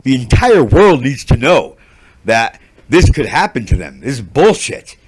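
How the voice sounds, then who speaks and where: A man's voice: mid-range voice, big pitch swings, unhurried, slightly rough. A man hosting his own channel, ranting unscripted about a grievance, agitated and swearing, with many restarts and fillers. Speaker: channel host. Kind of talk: unscripted rant to camera.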